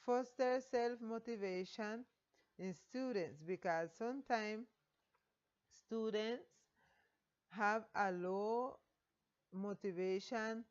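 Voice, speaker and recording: Slow, halting Colombian woman reading English. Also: mid-range voice, smooth. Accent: Colombian Spanish. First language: Spanish. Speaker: student teacher. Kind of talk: read-aloud teaching reflection. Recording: dull lo-fi recording.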